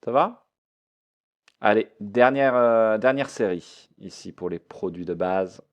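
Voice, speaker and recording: A man's voice: fairly low pitch, takes it slowly, highs cut off. A man teaching a French vocabulary lesson, repeating each word and mixing in English explanations.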